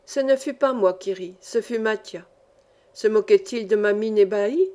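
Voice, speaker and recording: A woman reading a classic novel aloud, calm and measured, as an audiobook narrator. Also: medium pitch. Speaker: audiobook reader.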